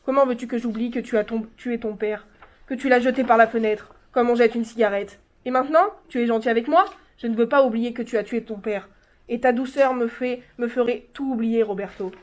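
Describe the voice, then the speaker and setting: Brief: a woman playing a scared, grieving mother, high voice, tense and pleading. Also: fairly even intonation, a little fast, natural voice. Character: frightened, grieving middle-aged mother. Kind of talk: stage play reading.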